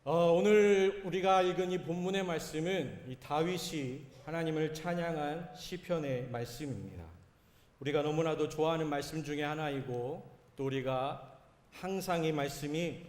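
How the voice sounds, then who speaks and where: A man's voice: on the high side, normal speed, darkish tone. A male pastor preaching a sermon in a church, earnest and with self-deprecating humor. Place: church sanctuary. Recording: echoey church hall.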